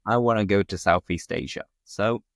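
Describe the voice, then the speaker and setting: A man's voice: fairly low pitch, moderate pace, creaky, no room sound. A man. He hosts a casual interview in a conversational, joking way. The recording is very dry and close. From West Yorkshire, England. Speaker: host, interviewer.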